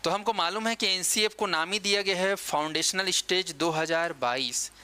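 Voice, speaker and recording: Bright, clear-voiced male coaching teacher. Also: high-pitched. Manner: quizzing students with quick questions and answering them himself; slows down to dictate key dates and terms. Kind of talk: classroom lecture.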